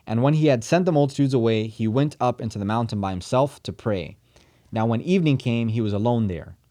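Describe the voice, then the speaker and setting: A male pastor preaching in a relaxed, conversational way. He acts out what people say in his stories, rising loud and then dropping to near a murmur. His voice sits at an ordinary middle pitch for a man. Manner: conversational preaching, acts out quoted voices, rises and drops in volume. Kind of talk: sermon.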